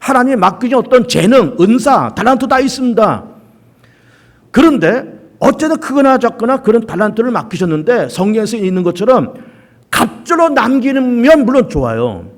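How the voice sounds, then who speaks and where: A man's voice: very high voice, big pitch swings, moderate pace. A male pastor preaching a sermon, stressing points by repeating them and asking rhetorical questions. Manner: emphatic repetition and rhetorical questions.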